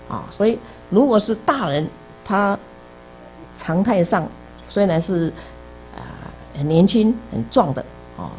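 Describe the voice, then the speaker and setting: Middle-aged lady teaching buddhism, low mellow voice, chatty, faint music behind. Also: rough recording. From Taiwan. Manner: chatty storytelling, many interjections, laughs at own jokes. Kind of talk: casual Buddhist lecture. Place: basement classroom.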